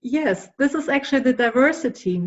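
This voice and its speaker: A woman's voice: high-pitched, animated, brisk, muffled recording. A woman, a guest speaker in an online club meeting, who talks with many hesitant "um" fillers. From Germany.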